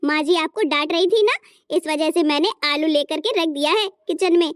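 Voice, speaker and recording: A woman's voice: high voice, normal speed, no room sound, clean studio sound, close to an everyday voice. A woman voicing a kind teenage sister-in-law in a cartoon story, who speaks up earnestly for her brother's wife. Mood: sweet. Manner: earnest, pleading.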